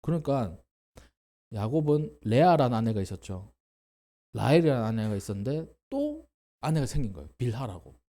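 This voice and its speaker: A man preaching a Bible-teaching sermon in a church, telling the story with lively questions to the congregation and acted-out lines. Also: medium pitch, normal speed. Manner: animated storytelling, acts out quoted characters, asks the congregation questions. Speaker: pastor.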